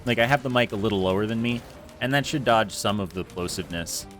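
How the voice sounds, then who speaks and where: Soft music plays as a man with a lowish, fairly bright voice chats quickly during a casual game stream. He's at home in a room with an air conditioner, speaking close to a foam-screened desk mic, and his talk is rambling, self-deprecating, and packed with fillers.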